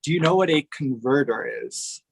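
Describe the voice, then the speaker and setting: A man's voice: a little high, animated, moderate pace, slight background noise. A man hosting a podcast in casual interview chat, easygoing and laughing a lot, filling with "like" and "you know". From Canada. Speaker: podcast host.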